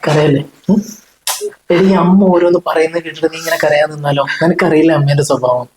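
A man plays a loyal young husband in a short film drama, talking fast in a high voice. He pleads and reasons earnestly; the room echoes with voices behind him. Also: fairly even intonation, background noise, lightly acted. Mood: consoling. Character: loyal young husband, defends his wife.

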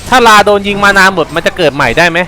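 A man's voice: high-pitched, bright, forceful tone, faint music behind. A young man streaming a game, chatting casually, rowdy and blunt. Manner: rowdy, blunt, quick-talking. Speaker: gaming streamer. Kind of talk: casual chat while gaming.

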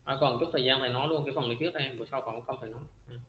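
A middle-aged math teacher lectures his class, his voice bright and forward. He keeps pausing on hesitant fillers as he explains. The sound is roomy and a little muffled, with faint noise under it. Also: mid-range voice, steady tone. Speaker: high school math teacher.

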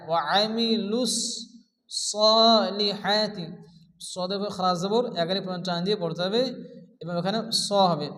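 A man teaching Quran recitation, chanting verses slowly and melodically, then explaining pronunciation rules in quick spoken asides. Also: high-pitched, a bit bright, in a large hall, low-quality recording. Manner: slow sung recitation alternating with quick explanations.

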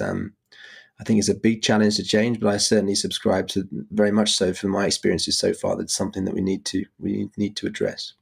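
A man's voice: on the low side, creaky, breathy edge. A man interviewing on a podcast, wordy and tentative, often rephrasing as he goes. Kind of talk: interview questioning.

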